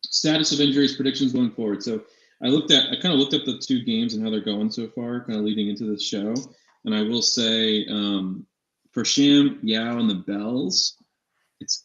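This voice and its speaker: A man with a lowish, slightly bright voice co-hosts a fantasy sports show, chatting casually and informally and often repeating phrases for emphasis. The recording sounds a bit dull and echoey.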